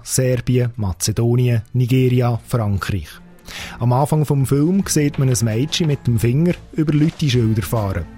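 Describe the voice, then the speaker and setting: A man's voice: mid-range voice, mellow, breathy edge. A man with a Swiss German accent narrating a scripted radio review as a critic.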